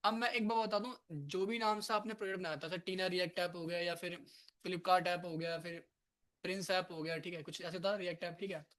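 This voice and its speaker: High-voiced man teaching a live coding class. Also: steady tone, fairly quick, fairly bright tone. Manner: casual, scolds and coaxes students. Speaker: programming teacher.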